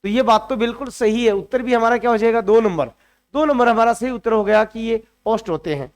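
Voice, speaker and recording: A man's voice: extremely high pitch, brisk, clean tone. A male grammar teacher leading an exam-prep lesson, often repeating himself and quizzing students with rhetorical questions. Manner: has students chant grammar rules aloud.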